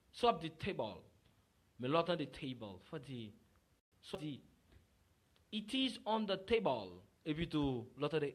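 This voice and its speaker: A Haitian man, a native Creole speaker with a Haitian accent, teaching English pronunciation in an informal video lesson, hesitant and full of fillers and restarts. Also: on the high side. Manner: hesitant, many fillers and restarts, mixing languages.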